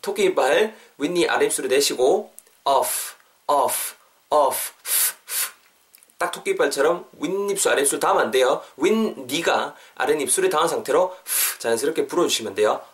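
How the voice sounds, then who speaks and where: Here a young man teaches English on his podcast, first explaining phrases, then slowing down to repeat them for drilling. The tone stays lively and encouraging, punctuated by quick rises in pitch.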